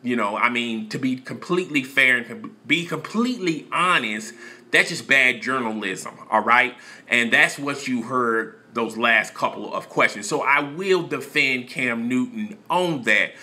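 A man's voice: medium pitch, unhurried, pushed and bright. A man giving opinionated, lecturing commentary in a casual voice-over.

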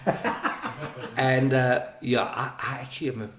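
A man's voice: medium pitch, a little slow, fairly bright tone, echoey room, slight background noise. A middle-aged man, a guest in a casual interview, chuckling and self-deprecating, often restarting his sentences.

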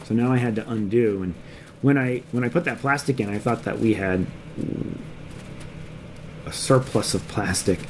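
This homestead vlogger, a man in his thirties, narrates a how-to from his basement workshop at a moderate pace and medium pitch, pausing often. He's easygoing and rambles, with many ums. Worn on his body, the action camera captures a noisy basement full of clucking chickens and cheeping chicks.

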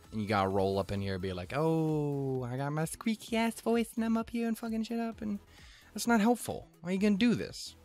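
Reacting to an anime episode, a man from Montana rambles and jokes with plenty of profanity, now and then jumping abruptly into silly pitches.

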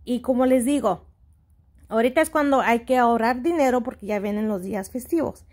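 A woman's voice: a little high, fairly quick, a little mellow. A woman in her Spanish, hosting a casual step-by-step tutorial, a little hesitant and mixing in English words. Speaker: host of a shopping tutorial channel.

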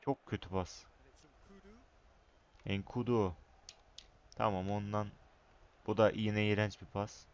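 A young man commentating his own football video game match, excitable, shouting at his players and chatting to viewers. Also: fairly low pitch, slow, pauses often, dull audio. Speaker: gaming YouTuber.

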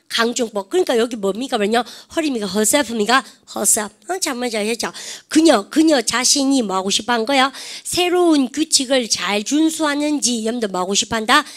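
A woman teaching an English grammar lecture, quizzing her class with lively rhetorical questions. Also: fairly high pitch.

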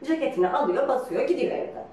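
A woman with a slightly high voice that swings widely as she talks. She tells her story in a casual, teasing way and laughs often. She is heard from a distance in a very echoey room with a faint hum behind her. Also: expressive, fast talker, a little mellow. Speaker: guest telling her couple's story. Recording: roomy echo from a distance.

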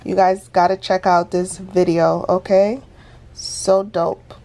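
A woman's voice: fairly low pitch, little pitch movement, takes it slowly, mellow. A woman vlogger chatting casually and informally to her viewers as she films her day on a handheld phone. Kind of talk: casual day-in-the-life vlog chat.

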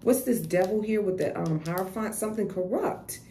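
A woman's voice: medium pitch, animated, normal speed, dark tone. A woman giving a casual tarot reading, blunt and profane, often repeating herself and restarting. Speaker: tarot reader. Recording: echoey room with faint noise.

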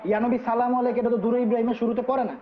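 A man's voice: very high-pitched, level tone, very fast, slight background noise. A man hosting a heated online religious debate, correcting his guest and asking to finish his point. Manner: corrective, repeatedly asks to finish. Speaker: host of religious debate stream. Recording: muffled, roomy live-stream audio.

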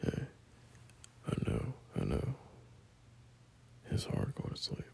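In an intimate bedtime ASMR roleplay, a man plays a gentle, caring boyfriend, speaking in a soft, breathy half-whisper. His delivery is slow and hesitant yet reassuring, tender and tired, lightly acted over slight background noise.

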